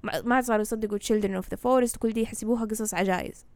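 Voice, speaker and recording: A knowledgeable guest explains fantasy lore, speaking quickly in Hejazi Saudi Arabic sprinkled with English words, casual and conversational, often tossing in check-in questions. Her voice is medium-pitched, steady and darkish, and the recording sounds close and dry with no echo.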